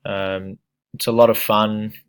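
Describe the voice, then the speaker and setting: A young Australian man introduces himself in a relaxed, casual way, pausing often on fillers. His voice sits low and stays fairly flat in tone. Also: clear, resonant tone. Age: young adult. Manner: relaxed, hesitant with many fillers. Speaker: student.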